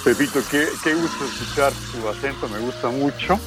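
Easygoing radio guest guy, mid pitch, some music behind. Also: normal speed. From Mexico. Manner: good-humored, laughs easily. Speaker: regular radio contributor.

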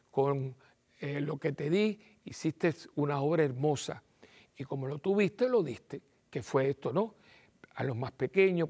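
Gravelly priest. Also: male voice, on the high side. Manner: animated, acts out little dialogues and repeats phrases for emphasis. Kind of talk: televised sermon talk.

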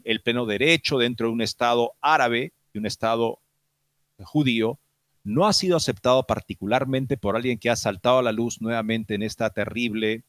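Measured male news commentary reader. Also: mid-range voice, no room sound. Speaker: program host.

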